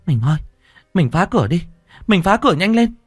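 A man's voice: sing-song, fairly quick, slightly rough, no room sound, clean studio sound, soft background music, full character voice. A man voicing a frantic middle-aged mother who urgently begs her husband to act, in an audiobook story. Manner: shrill, urgent pleading.

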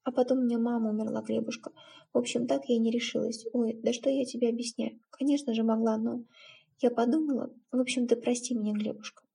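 A woman reading the part of a middle-aged stepmother who speaks in a halting, tearful, self-reproaching way. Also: fairly high pitch, fairly even intonation, gravelly, warm tone, husky. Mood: guilty, tearful.

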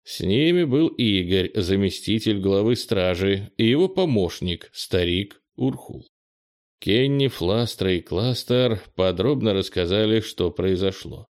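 A man reads a fantasy audiobook aloud. His delivery is even and steady, in a somewhat low voice. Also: a little slow, no room sound, clean studio sound. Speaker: audiobook narrator. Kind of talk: audiobook narration.

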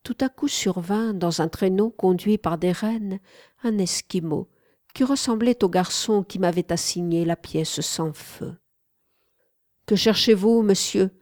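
A woman narrating a literary audiobook in a measured, calm way. Her voice is mellow and warm at an unhurried pace, and the recording is dry and close. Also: on the low side, dry recording.

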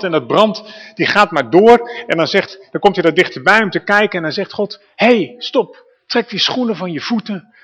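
A man's voice: sits high, bright, forceful tone. A man preaching a sermon in a conversational storytelling manner, with asides to the listeners. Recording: reverberant church hall.

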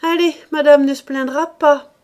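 A woman voicing a bold, outspoken female cook who talks loud and fast. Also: mid-range voice, sing-song, lightly acted. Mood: brash. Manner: loud, brash, quick.

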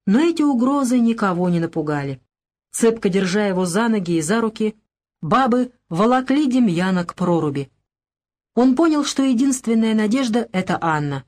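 A woman reading a literary story aloud as narrator, steady storytelling. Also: a little high, moderate pace. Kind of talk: audiobook narration.

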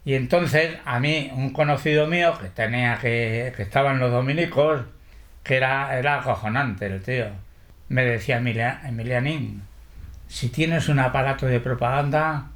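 An older man from Spain, interviewed about his past, telling lively stories full of salty slang and quoting others as he goes. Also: mid-range voice. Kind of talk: oral history interview.

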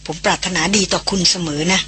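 A narrator voicing an exhausted male jungle guide who talks softly and drowsily in a storybook reading. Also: brisk, slight background noise, lightly acted. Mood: gentle. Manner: drowsy, soft-spoken.

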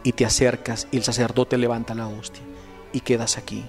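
A man's voice: mid-range voice, little pitch movement, fairly quick. A man preaching a fervent retreat sermon with rising, emphatic exclamations. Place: retreat hall. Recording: echoey hall with faint music.

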